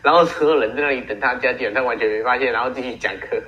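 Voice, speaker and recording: A man's voice: medium pitch, very fast, husky. A teenage boy from Taiwan, co-hosting a casual podcast, telling stories and teasing his friend. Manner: storytelling, teasing. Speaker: podcast co-host. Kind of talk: casual chat. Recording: muffled single-track home recording.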